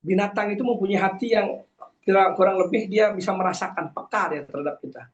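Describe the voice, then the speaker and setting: Man, 40s, fairly high voice, earnest guest testimony, preachy with hesitations, dull lo-fi recording. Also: brisk, faint music behind. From Karangasem, Bali. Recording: dull lo-fi sound.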